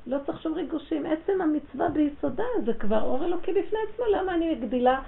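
A woman's voice: high voice, animated, vocal fry. Fervent woman teaching, tinny phone-like sound. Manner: fervent and emphatic, swinging from hushed to loud. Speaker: religious teacher. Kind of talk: religious lesson to women.

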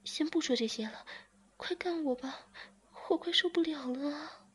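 A woman's voice: sits high, moderate pace, pitched above the performer's own voice, close to an everyday voice. A woman whispering as a breathless, pleading young woman. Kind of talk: whispered role-play.

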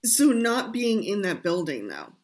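A woman's voice: mid-range voice, wildly swooping pitch, a little slow, a little mellow. A woman hosting a radio talk show, asking musing questions with playful asides. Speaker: radio host. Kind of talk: casual radio interview.

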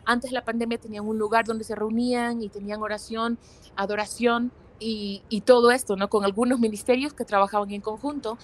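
A woman's voice: a little high, brisk, poor audio. A young woman from Ecuador, a missionary guest telling her personal testimony in an interview and acting out the conversations she recalls. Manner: lively storyteller who acts out quoted dialogue.

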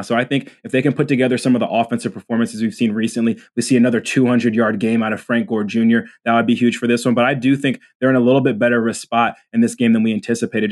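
A man co-hosting a college football podcast, breaking down matchups in an earnest, rapid flow. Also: mid-range voice, a little mellow. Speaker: podcast co-host. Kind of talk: sports podcast analysis.

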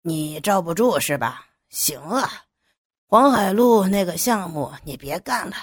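A woman's voice: fairly low pitch, animated, a little slow, husky, no room sound, studio quality. A woman voicing an older male bureau chief in an audiobook, sly and domineering, turning cold and menacing. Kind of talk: audiobook character voice.

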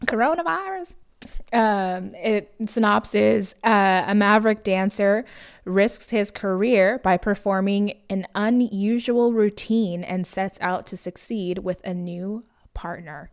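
An American woman co-hosts a podcast, rambling through a casual movie recap packed with fillers and frequent laughter. Her mid-range voice moves slowly and she's losing it as she talks.

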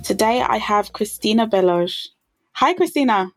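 A woman's voice: mid-range voice, animated, normal speed. A woman hosting a podcast, talking in an upbeat, emphatic way as she opens the show and puts questions to her guest. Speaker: podcast host. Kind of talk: podcast intro and interview.

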